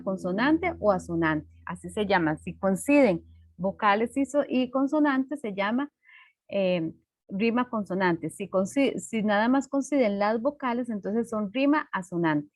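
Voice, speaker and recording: A woman teacher giving an online class, explaining slowly with many fillers and tag questions. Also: medium pitch, a little mellow, no echo.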